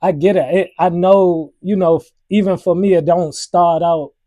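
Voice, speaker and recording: A man's voice: high-pitched, steady tone, moderate pace, dark tone, no echo. An American man interviewing in a casual, reflective way, repeating words as he frames his questions.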